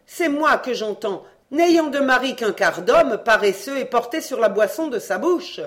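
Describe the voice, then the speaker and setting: A reader doing a shrill, bossy mother. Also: animated, unhurried, lightly acted. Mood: scolding. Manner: scolding, commanding, shrill. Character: bossy, loud-mouthed mother of a poor family. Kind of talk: audiobook reading, acted dialogue.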